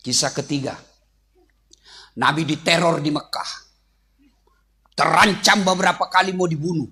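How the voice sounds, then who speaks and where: A man's voice: on the high side, moderate pace, sharp tone. A man with a Makassar accent preaching a humorous sermon, joking and addressing the audience directly. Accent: Makassar Indonesian.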